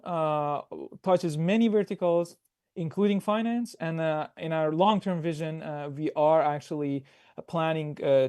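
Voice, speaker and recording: A man presenting a prepared startup pitch over a video call, explaining methodically and answering his own questions. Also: mellow.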